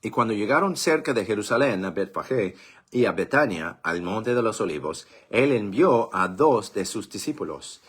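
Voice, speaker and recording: A man reading scripture aloud for a church, in a measured and deliberate way. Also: lowish voice, lively intonation, fairly bright tone, slightly rough. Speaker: church Bible reader.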